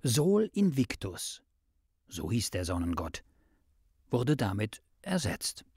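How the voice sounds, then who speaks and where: Man, children's narrator, husky, lively intonation, deliberate pauses, explanatory. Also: fairly low pitch, dry recording, clean studio sound. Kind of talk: scripted storytelling for children.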